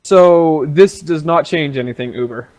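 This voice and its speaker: A man playing a tabletop role-playing game, talking excitably and swearing a lot. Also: a little high, unhurried. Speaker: player. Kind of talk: casual tabletop role-play chat.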